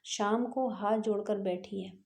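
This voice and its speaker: A woman teacher reading a textbook chapter aloud and then retelling each passage in simpler words, slowly and patiently, with pauses. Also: medium pitch, steady tone, vocal fry, a little mellow. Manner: slow, patient explaining with pauses and restarts. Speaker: school teacher.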